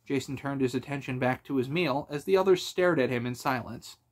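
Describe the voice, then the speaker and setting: Male narrator for a fantasy audiobook, steady and even, mid-range voice. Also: medium pitch, a little fast. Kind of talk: fan audiobook reading.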